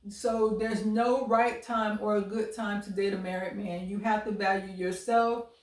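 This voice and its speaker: A woman's voice: medium pitch, steady tone, measured pace. An American woman giving candid dating advice in a monologue, speaking in a blunt, emphatic, admonishing way. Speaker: relationship advice vlogger. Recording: roomy echo, distant microphone.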